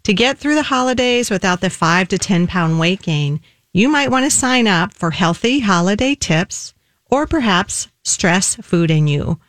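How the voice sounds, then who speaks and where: A woman hosting a radio talk show as a nutritionist, talking in a measured, conversational way. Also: medium pitch, lively intonation, no room sound, studio quality.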